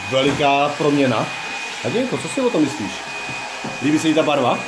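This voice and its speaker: A man's voice: fairly high pitch, big pitch swings, echoey room, background noise. Playful man filming a salon vlog. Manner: playful, jokey, drawn-out phrasing. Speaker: vlog host. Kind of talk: casual handheld vlog presenting. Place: small hair salon, indoors. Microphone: phone camera at arm's length.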